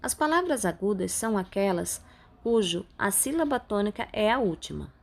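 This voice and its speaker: A woman's voice: mid-range voice, sing-song, normal speed, creaky. Patient Brazilian woman teaching a class. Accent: Brazilian Portuguese. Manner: patient, explaining step by step. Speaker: Spanish teacher. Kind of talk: recorded online class.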